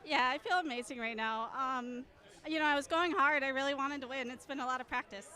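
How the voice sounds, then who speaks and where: Bright high-voiced giddy woman. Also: a little fast. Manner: giddy, emotional. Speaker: winning player interviewed.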